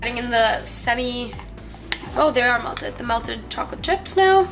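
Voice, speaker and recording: A young woman with a fairly high voice talks casually through a home baking session. She rambles a little, with plenty of fillers and giggles. Music plays behind her. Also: lively intonation, moderate pace, fairly bright tone. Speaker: vlogger. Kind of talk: casual cooking vlog chat. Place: home kitchen.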